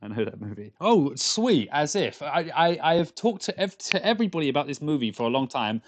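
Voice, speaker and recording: A man's voice: fairly high pitch, animated, quick pace. An English man from London in his thirties, a game developer chatting casually with viewers on a live stream, rambling with stammered restarts and frequent laughs. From London, England.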